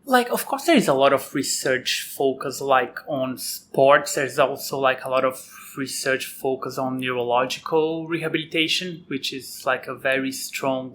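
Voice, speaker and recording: Brazilian-accented man, bright conversational voice. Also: medium pitch, slight background noise. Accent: Brazilian Portuguese. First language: Portuguese. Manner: frequent "like" fillers. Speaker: guest researcher. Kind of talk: casual interview answers.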